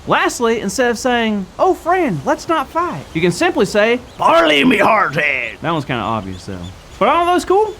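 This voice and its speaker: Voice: medium pitch, wildly swooping pitch, normal speed, a bit bright, slight background noise. A performer playing Carl, a goofy, pirate-obsessed co-host on a church kids' show, talking in a silly, playful way.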